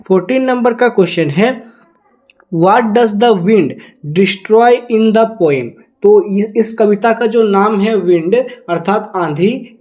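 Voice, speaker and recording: Guy teaching exam prep, high voice, slow, reads questions out then repeats answers. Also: a little mellow.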